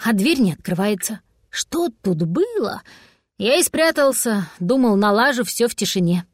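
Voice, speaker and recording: A young wizard from a storybook, as a woman reads him, polite and gentle. He speaks softly and quietly, with a slightly high voice and a dry, close sound. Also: big pitch swings, moderate pace, no echo. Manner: soft and quiet.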